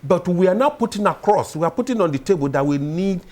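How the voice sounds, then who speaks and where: A man, a public affairs analyst, speaking as a guest in a TV studio discussion, explaining in a measured way and building to emphatic points. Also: high-pitched, expressive, a little mellow.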